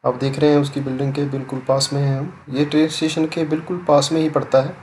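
A man's voice: on the high side, fast talker. A young man, a travel vlogger, casually narrating a tour as he shows places around a railway station and a temple. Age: young adult. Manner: relaxed, explains as he shows places. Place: outdoor railway station platform. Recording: outdoor ambience noise, passing vehicles.

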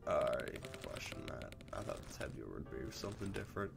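A man's voice: extremely low pitch, very animated, brisk, creaky, over music. A man commentating a video game as he plays, rambling and often restarting his sentences as he reacts to what happens on screen. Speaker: gamer. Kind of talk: let's play commentary.

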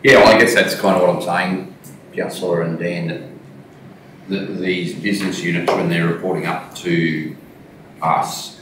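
A man serving as mayor, chairing a council meeting in a measured way and moving through the agenda. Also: low-pitched, steady tone. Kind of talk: formal meeting discussion. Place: large council chamber. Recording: echoey chamber, distant mic, noisy.

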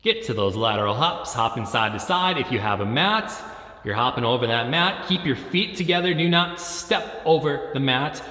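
Echoey, bright-voiced man coaching a workout. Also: medium pitch, lively intonation, moderate pace. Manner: urgent, commanding motivational gym-coach delivery. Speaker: fitness coach leading a timed home workout. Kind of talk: workout coaching, short cues and encouragement. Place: large indoor gym. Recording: echoey, reverberant gym hall.

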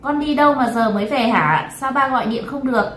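A woman's voice: medium pitch, a little slow, a bit bright, echoey room, a little hiss or hum, natural voice. A woman voicing a worried, strict middle-aged father in a read-aloud story, with a scolding, raised voice.

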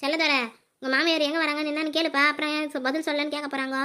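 A woman's voice: sits high, level tone, rapid-fire, pushed and bright. A woman voicing a bossy, anxious middle-aged mother-in-law in a family cartoon. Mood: fussing. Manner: bossy and anxious, prays aloud. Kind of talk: cartoon voice acting.

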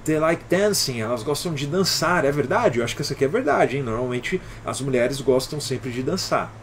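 A man's voice: medium pitch, animated, fairly quick, a little hiss or hum. A man with a Brazilian Portuguese accent teaching English on a live stream, explaining patiently and greeting viewers by name, often ending with "alright?".

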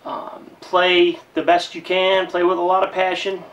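A man's voice: sits high, completely flat delivery, unhurried, a bit bright, recorded from a distance, muffled recording. A man casually reviewing violin gear in a video, rambling with lots of fillers and restarts. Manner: breezy upbeat sign-off.

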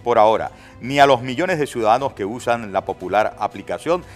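A man's voice: mid-range voice, brisk, faint music behind. A man hosting a morning news talk show, commenting emphatically and stacking words for effect. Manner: animated, emphatic, piles up words.

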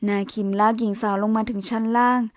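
A woman narrating a romance story in Thai in a steady, unhurried storytelling voice that often drops soft and hushed. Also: fairly high pitch, no echo, clean studio sound.

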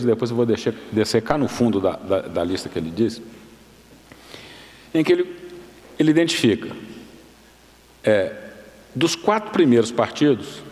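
A Brazilian man in his sixties giving a formal lecture from a lectern in a large university auditorium, measured and explanatory, often restarting and correcting himself. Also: mid-range voice, darkish tone. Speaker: guest lecturer. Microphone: lectern microphone. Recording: long hall reverb.

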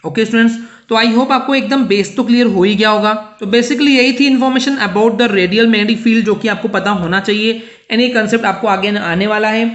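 A man's voice: sits high, fairly bright tone. A man teaching a coaching class lecture, explaining step by step and often checking that students follow. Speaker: physics tutor. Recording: dull lo-fi recording.

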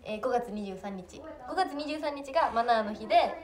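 A woman's voice: on the high side, lively intonation, a little fast, a little mellow. A teenage girl with a Kansai accent chatting casually on a phone livestream, giggling and reacting to viewer comments. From Hyogo, Japan. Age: teens. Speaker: idol trainee livestreamer.

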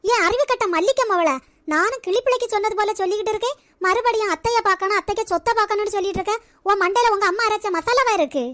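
A woman voicing a haughty, sharp-tongued rich young woman in a cartoon, speaking with a Nagercoil Tamil accent in a scornful, bossy way. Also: very high-pitched, very fast, dry recording, clean studio sound. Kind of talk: cartoon voice acting.

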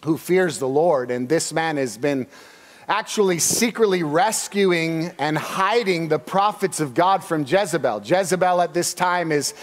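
High-voiced male pastor preaching in a reverberant hall. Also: unhurried. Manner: animated storytelling, voicing the people in the story. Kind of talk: sermon.

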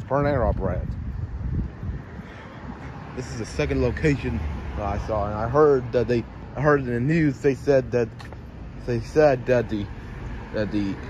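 A man walks around an empty building and talks into his handheld phone in a loose, rambling way, restarting his sentences as he goes. Heavy street traffic roars behind him, and his voice sits at an ordinary middle pitch. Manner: rambling, repeats words while searching for them. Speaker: vlogger exploring abandoned buildings. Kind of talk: casual handheld walkthrough narration. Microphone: handheld phone camera. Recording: loud traffic noise outdoors. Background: passing cars and street ambience.

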